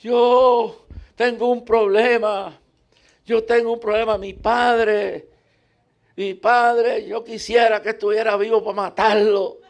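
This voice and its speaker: A man voicing a seventy-year-old woman who shouts in anguish that she hates her late father. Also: high-pitched, flat delivery, slow pace, pitched above the performer's own voice. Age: 70s. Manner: anguished shouting, repeating itself.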